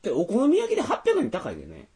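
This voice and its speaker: A man's voice: high-pitched, wildly swooping pitch, quick pace, vocal fry, a little mellow, breathy edge. A man with a Tosa accent chatting casually as a podcast co-host, teasing and quizzing his partner. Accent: Tosa (Kochi) Japanese. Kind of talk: casual chat.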